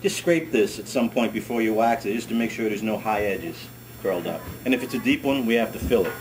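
Speaking fairly quickly, this ski school director from the United States, a middle-aged man with a fairly low voice, demonstrates hands-on for a small group, relaxed and chatty, with frequent repeated words. The rough recording comes from a camera mic on a workbench in a wood-paneled workshop, a constant hiss beneath his voice.

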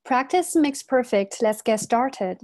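A woman teaching an English pronunciation lesson, reading phrases slowly as models and then explaining them. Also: on the high side, animated, a little mellow.

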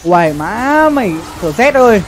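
A slight hiss or hum sits under a young man's high voice, which swings widely in pitch at a normal speed. He's a gamer chatting casually on a livestream from an indoor setup, with slangy, sweary commentary and plenty of repeated phrases.

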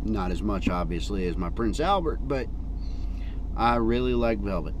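A man's voice: lowish voice, animated, moderate pace. A man around his forties chatting casually and unhurriedly to the camera in a folksy way while driving. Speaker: vlogger. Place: inside a car, often moving. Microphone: camera or phone at arm's length on the dashboard. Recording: loud car and road noise.

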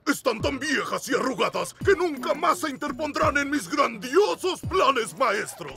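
A man's voice: extremely high pitch, creaky, heavily acted. A man voicing a pompous evil genius monkey in a cartoon dub, gloating like a theatrical mustache-twirling villain. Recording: music behind the voice.

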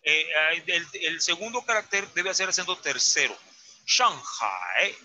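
A man's voice: high voice, moderate pace, pushed and bright, rough recording. A man teaching a Mandarin lesson, patiently correcting a student's tones step by step. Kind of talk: online language lesson.

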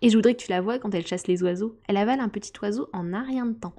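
A woman's voice: mid-range voice, rapid-fire, dark tone, close to an everyday voice. A woman voicing a polite, eager young girl in a storybook reading, earnest and apologetic.

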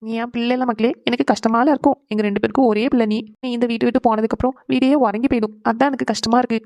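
A woman's voice: medium pitch, fairly even intonation, a little mellow, no echo, close to an everyday voice. A woman voicing a doting, tearful father in a cartoon, fussing over his daughter. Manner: fast, fussing and emotional. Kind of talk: cartoon voice acting.

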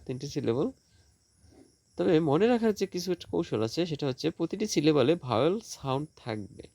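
Man teaching slowly, gravelly voice. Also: on the high side, warm tone, no room sound. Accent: Bangladeshi Bengali. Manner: slow, drawn-out sounding out of example words. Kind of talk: classroom lesson for school students.

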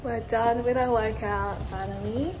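Slow-talking playful young woman vlogger. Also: fairly high pitch, fairly even intonation, background noise. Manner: playful, laughs often, says "dude". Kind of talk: casual chat. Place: gym, grocery store and apartment.

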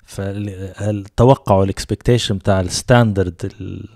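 This podcast host, a man in his thirties with a Libyan Arabic accent, has a low, mellow, gravelly voice and a relaxed storytelling style full of quick asides. In casual conversation he speaks close to a handheld mic, with headphones on, from a small softly lit home room that is dry and dead, with no room sound.

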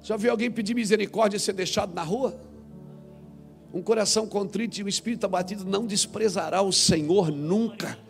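High-voiced Brazilian pastor preaching. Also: male voice, a little fast, creaky, soft background music. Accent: Brazilian Portuguese. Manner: dramatic preaching, swinging between soft and loud. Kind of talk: sermon.

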